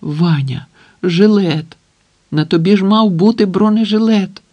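A mustached official shouts in disbelief, as a male narrator puts him on, his voice raised a little above the reader's own. The recording is dry and close. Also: sits high, measured pace, dry recording, pitched above the performer's own voice. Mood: shocked. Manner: shouting, then stunned and pleading. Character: mustached official man, shocked and grieving.

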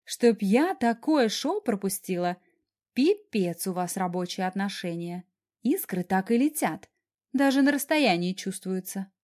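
A woman's voice: medium pitch, lively intonation, measured pace, darkish tone, lightly acted. A woman voicing a bubbly, nosy young female friend who talks in a chirpy, gossipy way. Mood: amused.

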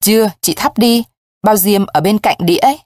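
A woman reading the part of a lonely young woman who speaks quietly, near a whisper. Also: mid-range voice, animated, moderate pace, no echo, clean studio sound, close to an everyday voice. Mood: tearful.

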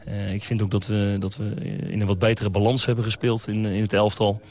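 A man, a football coach, answering questions after a match in a measured, reflective way with hesitations. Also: lowish voice, little pitch movement, darkish tone. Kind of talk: post-match interview.

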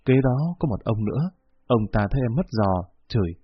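A man's voice: mid-range voice, lively intonation, brisk, slight background noise, close to an everyday voice. A man voicing a weak, desperate young woman, her speech faint and pleading, on a dull lo-fi recording.

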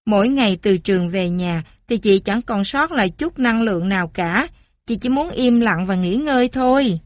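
A woman's voice: mid-range voice, expressive, normal speed, no room sound, lightly acted. A woman voicing a cheerful mother who tells stories theatrically. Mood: animated.

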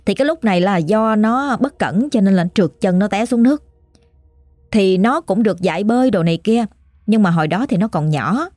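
A woman's voice: mid-range voice, animated, a little fast, darkish tone, no echo. A woman with a Southern Vietnamese accent, hosting and retelling a listener's ghost story in a chatty, exclamatory way. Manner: chatty and exclamatory, with frequent fillers. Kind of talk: casual spoken storytelling.

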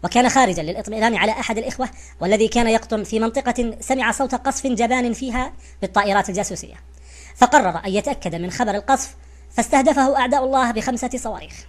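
Fast-reading woman narrator. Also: a little high. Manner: formal literary recitation. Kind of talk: scripted narration.

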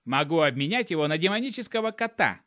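A man's voice: fairly high pitch, sing-song, fast, fairly bright tone, pitched above the performer's own voice. A man voicing a sly, cheerful zoo owner who looks like a pirate, in an audiobook.

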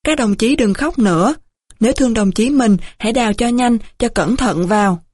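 A woman's voice: on the high side, moderate pace, a little mellow, breathy edge, no echo, clean studio sound. A woman reading a novel aloud, voicing a male company commander who urgently calls on his soldiers to dig. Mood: urgent, pleading. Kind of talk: audiobook character voicing.

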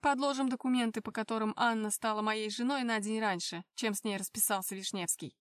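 Lady doing a scheming stepmom, tense and pushy, kinda loud, dry close sound. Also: on the high side, steady tone, brisk, no room sound, natural voice. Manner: tense, forceful, hard.

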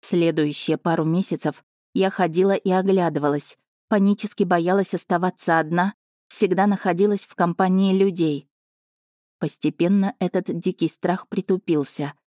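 A woman reads a first-person novel in a low, mellow voice. Her delivery is steady and lightly wry, and the dry, close recording has no room sound. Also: no room sound. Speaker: audiobook narrator.

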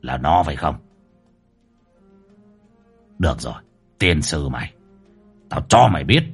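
A gruff old exorcist, as a male storyteller puts him on, snarls curses and threats in a rough voice that jumps around in pitch. Faint music sits under him. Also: big pitch swings, unhurried, exaggerated voice. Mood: menacing. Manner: cursing, growling threats.

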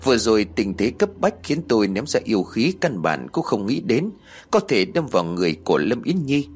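Husky guy reading a story aloud, lively pitch, faint music behind. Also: a little fast. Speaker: audiobook narrator. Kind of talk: audiobook narration.

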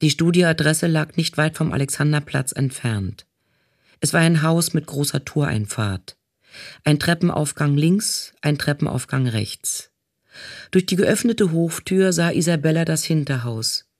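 A man reading a novel aloud in calm, even scripted narration. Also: fairly high pitch, measured pace, dry recording, studio quality. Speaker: audiobook reader.

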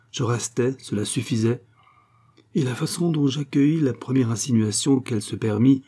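A man reading a first-person literary short story aloud, in a measured, dramatic storytelling manner. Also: on the low side, warm tone, slightly rough. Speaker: narrator.

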